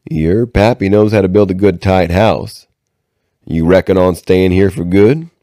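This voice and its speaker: A man's voice: low voice, measured pace, warm tone, no room sound, studio quality, voice pushed up. A man doing a sly, drawling backwoods drifter. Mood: easygoing. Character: heavyset ragged frontier man, sly and folksy.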